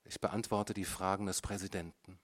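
A man reading a novel aloud in measured, dramatic first-person narration. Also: low voice, fairly even intonation. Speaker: audiobook reader. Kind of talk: scripted literary narration.

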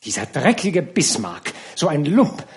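A man's voice: fairly high pitch, very animated, measured pace, voice pushed up. A man reading a novel aloud, voicing a scornful, indignant young woman.

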